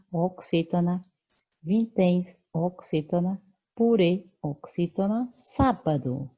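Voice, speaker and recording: A woman's voice: lowish voice, warm tone, muffled recording. A Brazilian woman teaching a remote lesson, explaining patiently with many fillers and check-ins to her students. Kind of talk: remote lesson correcting homework.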